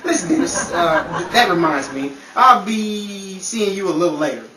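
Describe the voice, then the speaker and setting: An actor playing an excitable, wisecracking figure named Henry with a theatrical, hammy delivery in a stage comedy. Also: mid-range voice, normal speed, lightly acted. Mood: amused. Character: Henry, excitable wisecracking man given to dramatics. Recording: echoey, distant, very noisy audience recording.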